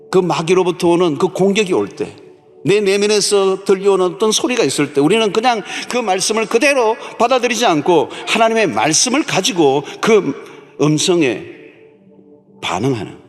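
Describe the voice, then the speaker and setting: A male pastor delivers an emphatic sermon from the pulpit, hammering home key words by repeating them. His voice sits high and swings widely in pitch, from soaring peaks down to hushed, low moments. A long reverb from the large sanctuary trails after each phrase. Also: animated, normal speed, faint music behind. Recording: long church hall reverb.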